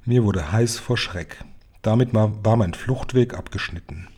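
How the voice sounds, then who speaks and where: A man reading a children's storybook aloud with steady, plain narration. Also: lowish voice, unhurried, slightly rough. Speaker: reader.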